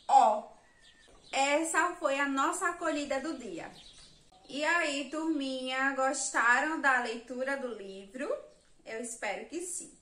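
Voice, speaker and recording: A woman's voice: high-pitched, bright, forceful tone, reverberant. A Brazilian woman teaching a remote lesson to young children, patiently counting aloud and spelling out words. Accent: Brazilian Portuguese. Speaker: primary school teacher.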